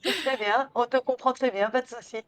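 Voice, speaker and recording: A woman hosting a conversational podcast interview, phrasing her questions hesitantly with frequent pauses. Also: a little high, fairly even intonation. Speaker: podcast host.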